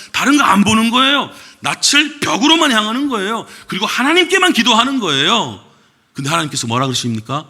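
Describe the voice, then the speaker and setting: Male pastor, sermon, high animated delivery that acts out quoted voices, bright tone.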